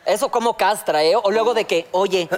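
A man with a Mexican accent, co-hosting a casual comedy chat and throwing in quick jokes. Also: sits high. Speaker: co-host.

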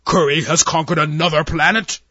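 A man's voice: medium pitch, expressive, normal speed, a bit bright, husky, dry recording, lo-fi sound. A man voicing a furious, commanding alien male admiral with eye stalks, growling and blustering in a story reading. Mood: roaring.

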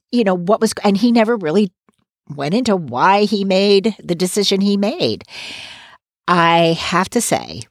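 A woman's voice: lowish voice, no room sound, studio quality. A woman co-hosting a podcast, chatting opinionatedly and laughing as she makes her points. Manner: opinionated, lively, laughs while talking. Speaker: podcast co-host. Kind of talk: casual recap chat.

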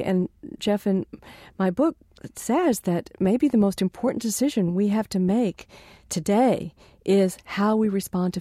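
An author guest on a radio show, a woman who talks in a soft, mellow tone. She explains her ideas in an earnest, reflective way. The sound is close and dry. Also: medium pitch, no echo. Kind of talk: interview answer.

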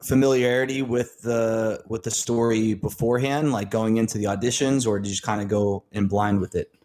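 A man hosting a casual interview, asking halting, friendly questions. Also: on the low side, fairly even intonation, a little mellow. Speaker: podcast host.

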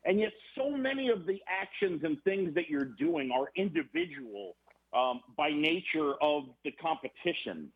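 A man, a baseball broadcaster guest on a podcast, talking in a rambling, animated way with many restarts. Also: fairly high pitch, normal speed, husky. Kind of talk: casual podcast conversation. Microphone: phone or remote call. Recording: tinny phone line.

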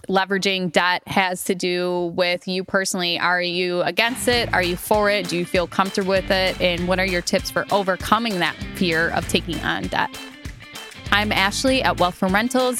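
A woman's voice: on the low side, normal speed, fairly bright tone, soft background music. A woman co-hosting a podcast in casual chat, chatty and laughing often, with many fillers. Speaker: podcast co-host.

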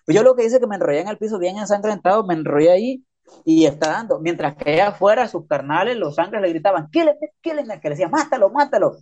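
A man's voice: high-pitched, fast, darkish tone, highs cut off. A man telling a story in a casual interview, full of slang and sound effects. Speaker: podcast guest, prisoner.

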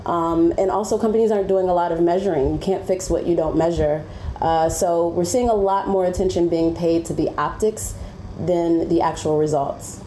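Mellow-voiced woman in an echoey room. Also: lowish voice, fairly even intonation, moderate pace, slight background noise. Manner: matter-of-fact, analytical. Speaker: tech founder and CEO. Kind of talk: video-call interview answers. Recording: echoey room with faint ambience.

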